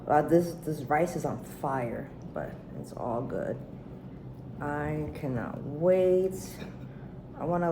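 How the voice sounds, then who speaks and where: A woman's voice: deep voice, reverberant, background noise. A woman in her thirties chatting casually as she cooks in a home kitchen, swearing freely and talking candidly. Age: 30s. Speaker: cooking vlogger. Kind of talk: casual cooking chat.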